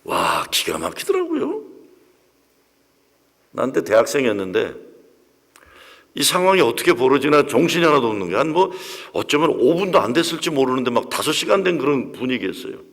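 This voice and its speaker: Very animated and quick, a pastor in his sixties relates a personal story from the pulpit of a church sanctuary, acting out quoted voices with plenty of emotion. His voice sits in the mid range with a slightly bright tone, and the hall echoes with long reverb.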